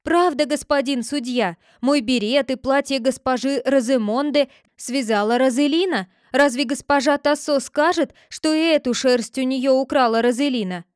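A woman reading a storybook, voicing an indignant young boy who rushes to defend his friend. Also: sits high, no room sound, clean studio sound, voice pushed up, lightly acted. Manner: eager, protesting.

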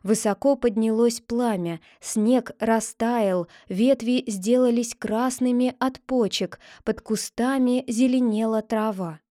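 Woman, fairy tale narration, calm and even, fairly high voice, dry room. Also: no echo. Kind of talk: reading a fairy tale aloud.

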